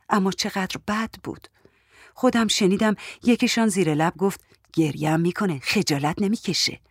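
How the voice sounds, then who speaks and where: A woman's voice: on the low side, dry recording, clean studio sound. A woman reading a story aloud in the first person, in a conversational, plainspoken telling. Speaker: audiobook reader.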